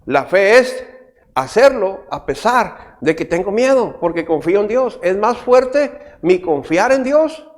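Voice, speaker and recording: A middle-aged man preaching a sermon as pastor, animated and asking the congregation frequent rhetorical questions. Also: high voice.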